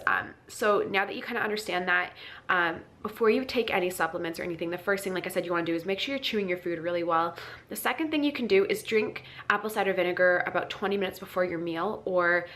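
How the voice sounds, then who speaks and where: A woman with a lowish, fairly bright voice, stuffy and congested from a cold, gives chatty wellness advice to her channel. Her nasal delivery to camera is casual and full of ums and restarts.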